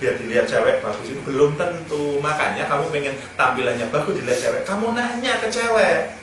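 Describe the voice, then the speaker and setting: Man, fairly high voice, joking anecdotal speaker, recorded far off the mic. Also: lively intonation, fairly quick, a bit bright. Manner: anecdotal, joking, chuckles between points. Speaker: speaker giving advice on self-improvement. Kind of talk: casual humorous talk. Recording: very echoey room, speaker far from mic, faint noise.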